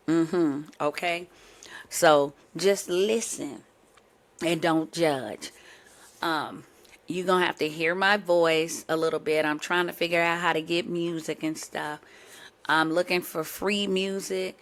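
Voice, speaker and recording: A young woman hosts her own podcast at an unhurried, slow pace. Her voice is gravelly and a bit low. She has a sore throat and talks to her listeners in a playful, chatty way. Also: fairly bright tone. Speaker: podcast host. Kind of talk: casual chat.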